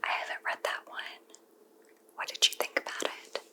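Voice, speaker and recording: A woman doing a whispered role-play as a helpful librarian, speaking in a soft, gentle library whisper with halting phrasing. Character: helpful goth librarian recommending books. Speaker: librarian in a point-of-view roleplay.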